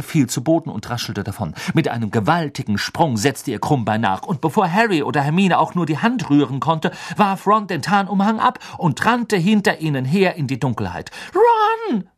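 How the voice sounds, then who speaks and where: A storyteller narrates a novel with dramatic flair, the voice swooping up and down through each sentence. The tone has a husky, slightly rough texture. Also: medium pitch. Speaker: audiobook narrator. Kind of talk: scripted narration.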